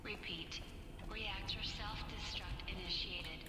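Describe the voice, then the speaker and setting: A woman voicing a calm female computer announcer heard over a PA loudspeaker, repeating polite warnings. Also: medium pitch, takes it slowly. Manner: calm, polite, flat repetition. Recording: echoey loudspeaker in a long hall, music behind.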